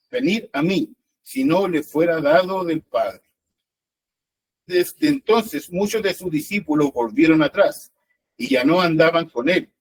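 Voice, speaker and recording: A man from the congregation reading Bible verses aloud in a steady way. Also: fairly high pitch, slightly rough, poor audio. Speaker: congregation member reading scripture.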